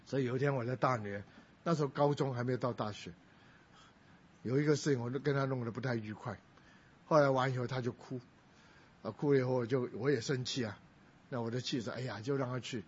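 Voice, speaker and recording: In a dull lo-fi recording, a middle-aged man preaches and shares a family story, raising his voice for quoted lines. His medium-pitched delivery is fairly quick, slightly rough and broken by frequent pauses.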